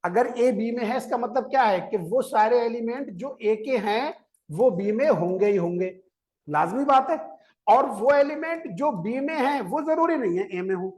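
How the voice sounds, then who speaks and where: At a moderate pace, a male maths teacher lectures in an extremely high, animated, slightly mellow voice. He coaxes the class, quizzes them continually, repeats key steps, and urges them to listen before they write.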